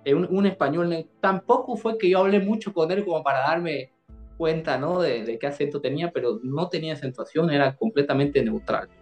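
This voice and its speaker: Man, Bolivian accent, fairly high voice, earnest interview storytelling, repeats his words. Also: fairly quick, soft background music. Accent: Bolivian Spanish. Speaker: doctor, interview guest. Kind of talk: first-person storytelling in an interview.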